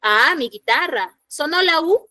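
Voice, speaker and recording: High-voiced woman teaching an online class. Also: animated, a little slow, sharp tone, no echo. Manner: questioning, repeats key points for students. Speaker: secondary school language teacher. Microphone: computer mic in an online class.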